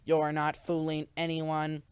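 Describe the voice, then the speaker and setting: A man's voice: fairly high pitch, monotone, slow pace, clean tone, no echo, voice pushed up. A man reading aloud and putting on a robot voice for printed words. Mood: cold. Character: flat robot voice for printed text. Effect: robot-like voice put on by mouth. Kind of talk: amateur audiobook reading.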